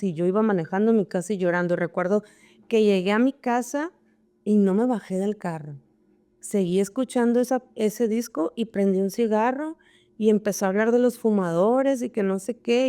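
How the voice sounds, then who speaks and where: A woman's voice: medium pitch, dark tone. A woman who is an interview guest, telling her life story in an emotional way and repeating words as she remembers. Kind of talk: personal life story in conversation.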